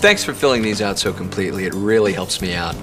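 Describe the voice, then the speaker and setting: A man's voice: low-pitched, lively intonation, quick pace, music in the background. An actor playing a friendly male store manager who praises an employee in a workplace training drama. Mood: warm.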